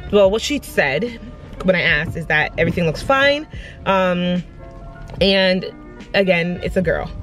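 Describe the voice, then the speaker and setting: A young woman talking quietly to her phone in a clinic change room, keeping her voice low. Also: poor audio. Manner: hushed, quiet talk. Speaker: vlogger. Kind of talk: casual vlog chat.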